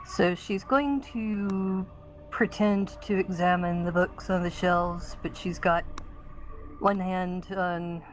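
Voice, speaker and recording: A woman playing a tabletop role-playing game, describing her character's actions in a slow, deliberate way. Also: lowish voice, a little hiss or hum, low-quality recording. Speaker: player.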